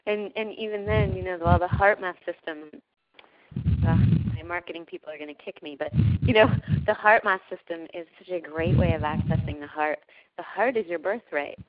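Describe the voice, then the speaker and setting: A woman hosting a call and guiding a calm breathing meditation, her voice going soft and hushed. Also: lowish voice, a little fast. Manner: calm, softening to a hushed guide voice. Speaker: host of a heart practice call. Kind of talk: guided breathing meditation and chat. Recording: dull lo-fi call audio.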